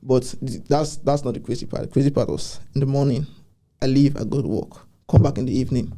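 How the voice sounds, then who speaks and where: A man, a podcast guest telling a story in a casual chat, animated and laughing often. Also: medium pitch, fast.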